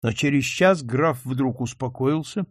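A man reading a classic novel aloud as an audiobook, with expressive storytelling. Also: medium pitch, a little slow, dry recording, clean studio sound. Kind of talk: audiobook narration.

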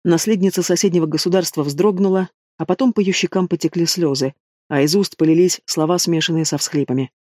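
A man reads an audiobook aloud in a steady narrating manner. His voice sits fairly high for a man, and the recording is close and dry. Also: brisk, no echo. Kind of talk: scripted narration.

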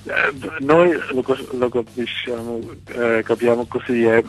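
A man from Switzerland speaking non-native Italian with a foreign accent, halting and searching for words in a radio phone interview. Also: mid-range voice, dry recording. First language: not Italian. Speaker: band singer and guitarist being interviewed. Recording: phone call on radio, music behind.

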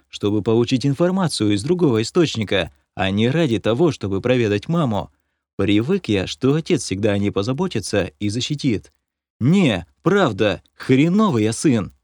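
A man's voice: medium pitch, a little mellow, no room sound, clean studio sound. A man narrating an audiobook in the first person, in a wry, self-mocking way.

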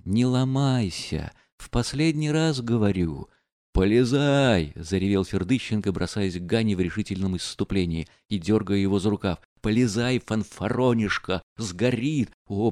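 A frantic, spiteful hanger-on, roaring at a rival in a frenzy and slowing down on the insults, as a male narrator puts him on. The recording is dry and close. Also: on the low side, darkish tone, dry recording. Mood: frenzied.

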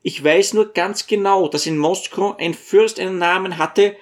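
Man reading as a chatty old dwarf, pitched up, quick and eager to tell. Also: natural voice. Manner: lively, raised, eager. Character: old male dwarf, chatty, lively storyteller.

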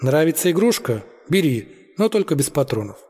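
Stern careful young leader guy, read by a man, husky voice. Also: fairly high pitch, very animated, moderate pace, mellow, long reverb tail, exaggerated voice. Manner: firm, commanding.

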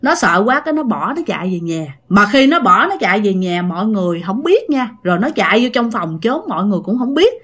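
Woman, casual ghost story narration, chatty, animated pitch. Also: quick pace, few pauses. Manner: chatty, addresses listeners directly.

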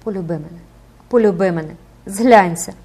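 A woman's voice: on the low side, fairly even intonation, normal speed, breathy edge. A woman voicing a desperate, obsessed middle-aged male priest who pleads and begs in an audiobook. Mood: begging. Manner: pleading, begging intensely.

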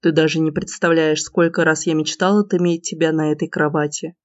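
A woman voicing a cocky young man who teases in a low, smirking murmur, in a dull, slightly lo-fi recording. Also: little pitch movement, a little fast, no room sound, natural voice. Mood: teasing. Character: cocky teasing young man, the heroine's lover.

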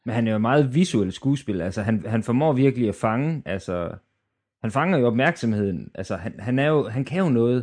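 A man's voice: medium pitch, expressive, a little mellow. A man co-hosting a podcast in casual film chat, who searches for words and restarts his sentences often. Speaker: podcast co-host.

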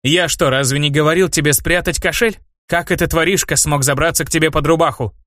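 A man's voice: fairly high pitch, fairly even intonation, brisk, fairly bright tone, dry recording, clean studio sound, voice pushed up, lightly acted. A man reading an audiobook and voicing a stern older brother, a mage who scolds and lectures his younger brother. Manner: reproachful, lecturing.

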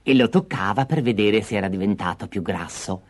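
A man reading a fairy tale aloud in a lively, expressive storytelling manner. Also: lowish voice, brisk.

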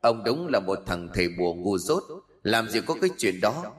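A man voicing a sinister spirit trapped in a cursed plant, speaking in a hushed, mocking way. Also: fairly low pitch, big pitch swings, moderate pace, big-room sound. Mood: gloating.

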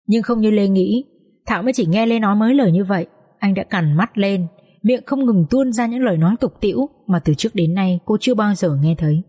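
Woman reading a sad family story out loud, mid voice, big echoey reverb. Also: mid-range voice, a little fast. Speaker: audiobook narrator. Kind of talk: storytelling narration.

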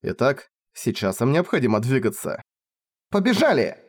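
A male narrator reading a fantasy novel aloud in an expressive storytelling manner. His voice sits at an ordinary pitch but moves in lively, animated contours. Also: moderate pace, no echo, clean studio sound. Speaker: audiobook narrator.

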